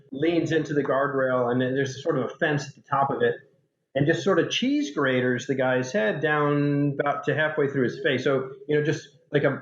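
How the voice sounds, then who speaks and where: Man as interview guest, frank and darkly funny, roomy and slightly muffled audio. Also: medium pitch. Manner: candid, dark-humored storyteller with many restarts. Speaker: author and paramedic guest. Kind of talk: storytelling in a podcast interview.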